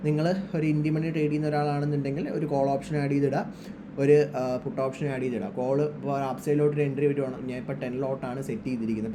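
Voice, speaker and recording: In this informal screen-share lesson, a trader with a medium-pitched voice explains trading while mixing in English terms. The background is noisy.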